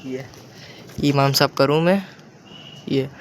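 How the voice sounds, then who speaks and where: A young man vlogging casually to his phone camera, chatty, sometimes dropping to a hushed voice. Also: mid-range voice, slow pace, a little hiss or hum, low-quality recording. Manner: chatty, repeats a filler word, drops to a hushed voice near the mosque. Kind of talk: casual vlog chat to camera. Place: outdoors and at home, walking around.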